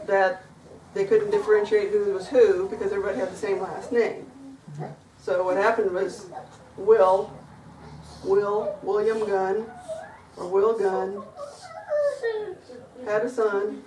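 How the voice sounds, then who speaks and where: A woman's voice: medium pitch, dark tone. A woman giving an informal presentation on family history to relatives, chatty and explaining with little jokes. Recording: echoey room from far off with background noise.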